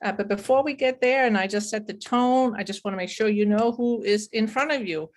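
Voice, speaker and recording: A woman's voice: mid-range voice, brisk. A woman from Denmark with a Danish accent, facilitating a video call and inviting chat responses.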